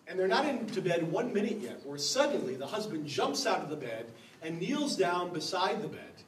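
A male pastor with a fairly high voice delivers a good-humored Bible lecture, wry and amused by the stories he explains. He sounds a bit distant from the microphone in a roomy, echoing church hall with a faint hum behind him. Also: big pitch swings, normal speed. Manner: wry and humorous, chuckling at the text.

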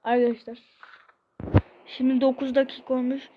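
A woman telling an improvised story in a chatty, drawn-out way, full of fillers. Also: high-pitched, little pitch movement, highs cut off, noisy background. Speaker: channel host playing out a toy story.

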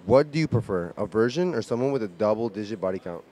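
A man's voice: lowish voice, expressive, quick pace, dark tone, a little hiss or hum. A man doing playful street interviews at night, a little drunk and slurring, teasing people with questions. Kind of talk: street interview, vox pop.

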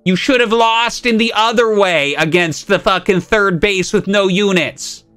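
A man in his thirties livestreaming a game as a raging gamer, shouting, swearing and sarcastic, close on a desk mic. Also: high-pitched, a little slow, clean tone, soft background music. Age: 30s. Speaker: game streamer. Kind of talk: livestream gaming rant and commentary. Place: small indoor room at a streaming desk. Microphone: desk microphone up close, with headset.

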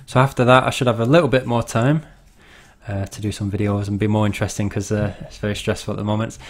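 Male gamer, young, slightly low voice, loose rambling play-by-play commentary. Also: steady tone, fast talker. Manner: rambling, self-deprecating, laughs at himself. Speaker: gaming channel host. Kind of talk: casual game commentary.

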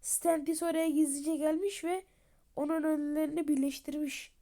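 A woman's voice: high-pitched, flat delivery, moderate pace, mellow. Chatty woman narrating a game story. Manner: chatty, addressing viewers as friends. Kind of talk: casual story narration to viewers.

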